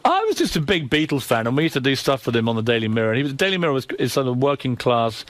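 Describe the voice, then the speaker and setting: A man's voice: mid-range voice, big pitch swings, no echo. A man, a newspaper editor, telling gossipy stories as a guest in a casual radio interview. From Britain. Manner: brisk gossipy storytelling.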